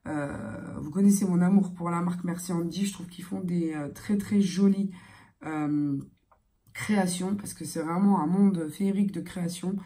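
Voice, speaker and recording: A young woman chatting casually in a beauty vlog, halting and hesitant, her voice thick, congested and strained from tonsillitis and a sore throat. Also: on the low side, steady tone, mellow. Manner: hesitant, halting, searching for words. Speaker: beauty vlogger.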